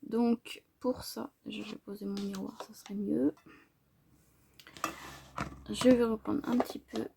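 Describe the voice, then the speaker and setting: A woman narrating a makeup tutorial in a soft, hesitant way, often dropping to a whisper. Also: fairly high pitch, fairly even intonation, slow, vocal fry, pauses often, noisy background. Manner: hesitant, many fillers. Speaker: makeup vlogger.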